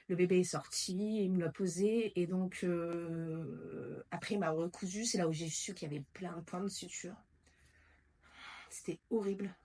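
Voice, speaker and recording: A woman's voice: on the low side, darkish tone. A woman vlogger telling a personal story in a candid, casual way, blunt and emotional, with slang and swearing.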